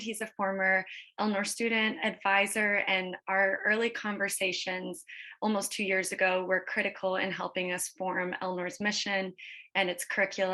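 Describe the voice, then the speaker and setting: A woman's voice: mid-range voice, pushed and bright. A woman moderating a conference, giving a formal introduction of speakers.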